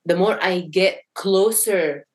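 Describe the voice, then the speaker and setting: A woman's voice: fairly low pitch, slow. A young woman from Syria, a podcast guest, talking reflectively and searching for words with frequent restarts. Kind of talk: casual conversation.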